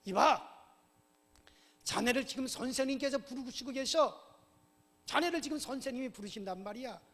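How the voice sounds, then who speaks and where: A man's voice: very high-pitched, normal speed, a bit bright, heavily acted. A man voicing a polite, eager disciple. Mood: urgent. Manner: polite, explaining. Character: respectful male disciple. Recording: long hall reverb.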